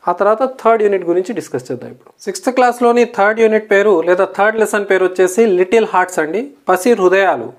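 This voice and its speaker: With lively intonation and a medium pitch, a female teacher with a Telugu accent explains English words at a slow pace in a recorded vocabulary lesson. She spells each word out letter by letter and keeps checking that the class understands.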